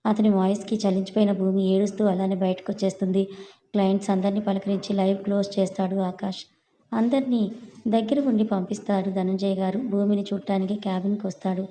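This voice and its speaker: A woman storyteller reading a serialized story in a steady, even narration. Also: medium pitch, fairly quick, a little hiss or hum, low-quality recording.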